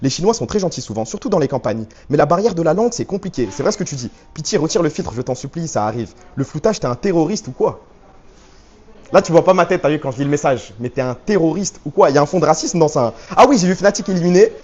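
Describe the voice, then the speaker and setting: Man streaming live, quick chatty slang, slightly raised pitch, dull lo-fi phone audio. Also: expressive, a little mellow. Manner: slangy, joking banter with viewers. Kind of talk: casual live stream chat, reading chat aloud. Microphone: handheld phone rig with stabilizer.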